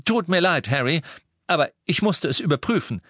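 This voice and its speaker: Guy reading as a stern wizard, sharp and clipped, pushed higher and louder. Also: sing-song, moderate pace, dry recording, studio quality, heavily acted. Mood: urgent, stern. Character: grim tense grown wizard, clipped and urgent.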